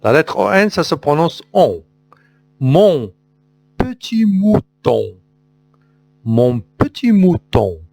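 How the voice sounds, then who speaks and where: A man with a Moroccan accent leads a phonics lesson for young pupils, drilling sounds one by one. He speaks slowly, with a lively, swooping pitch that rises and falls on each word. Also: vocal fry, no echo, soft background music. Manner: slow, deliberate drilling with repetitions. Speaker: teacher.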